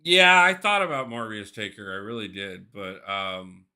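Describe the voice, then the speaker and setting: A man's voice: on the low side, sing-song, moderate pace, sharp tone, clean tone. A man live-streaming a mobile game, chatting casually, thinking aloud and greeting his viewers by name.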